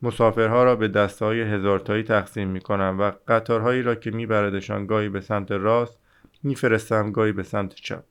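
A man's voice: on the low side, steady tone, smooth, close to an everyday voice. A man reading the part of a weary railway switchman in an audiobook, dry and matter-of-fact.

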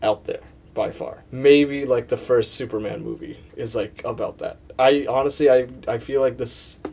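Young guy hosting a movie podcast, rambly and joking, lots of likes and ums, pretty average pitch. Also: fairly even intonation, normal speed, darkish tone, slight background noise. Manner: playful, rambling with fillers and restarts. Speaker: podcast host. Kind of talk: casual chat.

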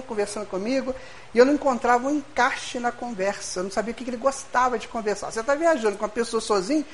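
Leading a study group through a spiritual lecture, a middle-aged man with a Brazilian Portuguese accent speaks in a folksy way and acts out little dialogues for the group. His voice is high-pitched, with a little hiss or hum in the background.

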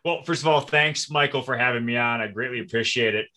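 Podcast guest: man, forties, from Minnesota, friendly self-deprecating storyteller, sharp bright voice. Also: mid-range voice, fast talker. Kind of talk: casual conversation.

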